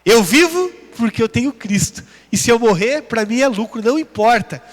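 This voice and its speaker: A high-pitched man with a Brazilian Portuguese accent preaches a sermon, his voice climbing with emphasis as he sets up each contrast. He reads scripture references between his points. His voice rings out with the long reverb of a large church hall. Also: expressive, moderate pace. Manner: rising emphatic call-and-response preaching, reading scripture references. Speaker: pastor.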